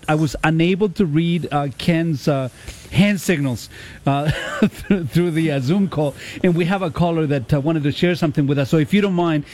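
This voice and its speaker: A man's voice: on the high side, darkish tone. A man from Chile hosting a radio show in a casual, laughing way with many restarts.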